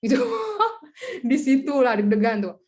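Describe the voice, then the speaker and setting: A young adult woman speaking as a guest tutor in a casual webinar talk over a video call, chatty and animated, laughing often and acting out other people's replies. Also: high voice, a little slow. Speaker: guest speaker, French tutor and content creator.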